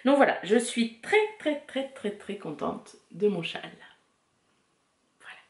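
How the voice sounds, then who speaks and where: A woman's voice: fairly high pitch, animated, measured pace. A woman in her thirties hosting a knitting video podcast at home, chatting casually to camera and rambling with many fillers and restarts. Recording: echoey home room.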